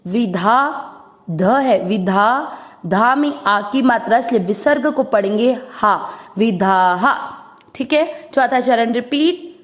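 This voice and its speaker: A woman's voice: a little high, slow pace. A woman teaching Sanskrit verse pronunciation, patiently breaking words into syllables and stretching out each sound. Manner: patient, drawing out syllables and repeating each word. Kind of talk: slow syllable-by-syllable pronunciation lesson.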